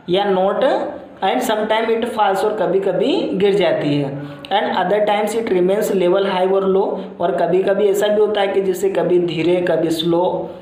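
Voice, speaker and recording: A man teaching a lesson at a slow, unhurried pace, circling back over each point with plenty of filler words. He reads quoted English lines out slowly before explaining them. His voice rings through a very echoey room. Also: high voice, a little mellow. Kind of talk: classroom lecture explaining English grammar.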